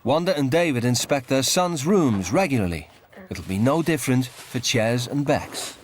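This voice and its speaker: A man's voice: mid-range voice, lively intonation, moderate pace. A man reading scripted television narration as the narrator of a reality show. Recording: clear music behind narration.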